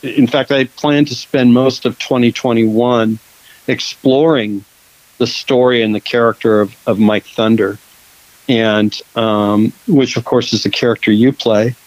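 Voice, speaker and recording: A man's voice: mid-range voice, steady tone, a little slow, dry recording, poor audio. A man from Western Washington hosting a casual interview, rambling with many fillers and restarts. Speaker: podcast host and producer.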